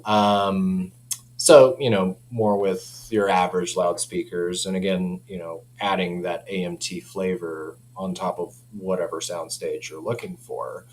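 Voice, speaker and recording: Chatting casually about audio products on behalf of his company, a man with a deep, slightly mellow voice speaks a little slowly in a steady tone. He's relaxed and colloquial, frequently dropping in "you know." The audio is poor, with audible background noise and hum.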